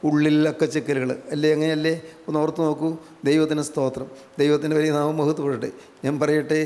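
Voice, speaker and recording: Gravelly older preacher in a reverberant hall. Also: male voice, a little high. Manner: repeats phrases in a steady, emphatic preaching cadence. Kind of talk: Malayalam gospel sermon.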